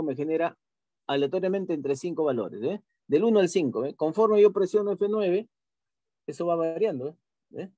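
Man, teacher, online lesson, patient, repeats steps, tag questions, slightly high voice, dry sound. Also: dark tone, dry recording. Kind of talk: online class software tutorial.

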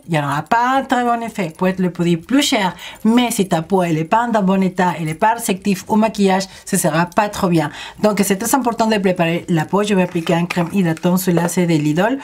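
Chatty energetic woman makeup vlogger. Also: medium pitch. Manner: addresses viewers directly. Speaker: beauty vlogger. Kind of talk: casual chit-chat makeup tutorial.

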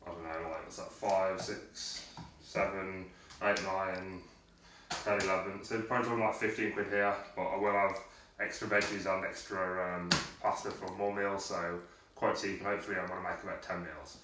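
A young fitness vlogger chats casually in a video diary from his small home kitchen, rambling with lots of fillers. His low voice is flat, a bit bright, and moderately paced, caught by a camera mic across the room in a noisy, echoey space.

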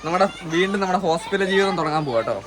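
A man's voice: high voice, animated, racing. A man, chatting to camera as a family vlogger at home during heavy rain. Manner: chatty, tells the family news with a laugh. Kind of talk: casual vlog chat to camera. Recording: outdoor mic with loud noise.

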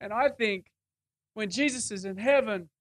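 Male pastor, high voice, casual preaching style that repeats phrases to drive points home. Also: moderate pace. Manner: conversational, repeats phrases for emphasis. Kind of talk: sermon. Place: church.

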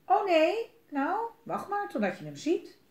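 A woman's voice: extremely high pitch, huge pitch swings, measured pace, a little mellow, pitched above the performer's own voice, full character voice. A woman voicing a small, clever, boastful mouse in a children's storybook reading, with a cheeky, self-assured manner. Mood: cocky. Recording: roomy echo.

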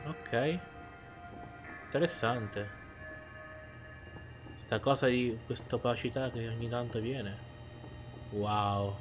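A man's voice: medium pitch, slow, long pauses. Man commentating gameplay over music. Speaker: gaming video host. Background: game music.

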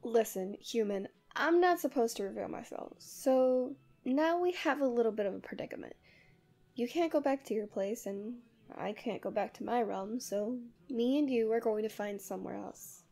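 A woman plays a tender, possessive guardian angel who loves a human in an intimate ASMR roleplay. Her voice is on the high side and her pace normal, soft, soothing and often breathy, with a gentle, coaxing mood.

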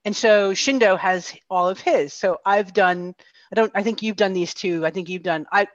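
This is a middle-aged woman, medium in pitch and speaking at normal speed, co-hosting a relaxed video call chat from a home room. She wears a headset and talks warmly, chattily, full of fillers. There's no room sound, and the call audio comes across dull and dry.

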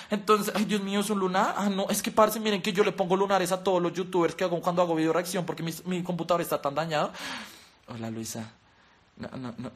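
A young woman with a Colombian accent doing a casual reaction commentary, chatty and teasing, full of slang and quick laughs. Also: mid-range voice. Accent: Colombian Spanish. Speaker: youtuber.

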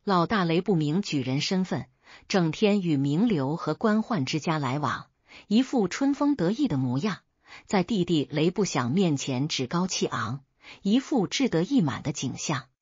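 A woman storyteller reading a folk tale as steady, expressive scripted narration on a dull, dry recording. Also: lowish voice, moderate pace, slightly rough, dry recording.

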